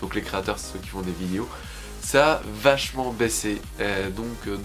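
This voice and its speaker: A man's voice: on the low side, moderate pace. Guy in his 20s, casual vlog chat at home, bit of music in the background. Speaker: YouTube vlogger. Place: indoor room at home.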